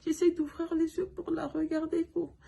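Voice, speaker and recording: High-voiced woman w/ a gravelly, mellow sound, stammering thru an upset story, close to tears. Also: flat delivery. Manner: halting, stammering, indignant. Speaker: patient giving a testimony. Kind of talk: emotional personal testimony.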